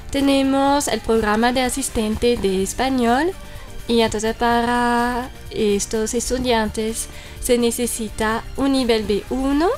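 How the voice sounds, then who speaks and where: A woman from a French cultural institute answers interview questions in long explanations, sprinkling in fillers like "mira" and "entonces." She has a French accent and a slightly high, somewhat mellow voice.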